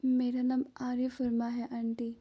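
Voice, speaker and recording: A woman voicing a shy, polite young female schoolteacher who answers quietly and softly. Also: fairly high pitch, monotone, measured pace, slight background noise, close to an everyday voice.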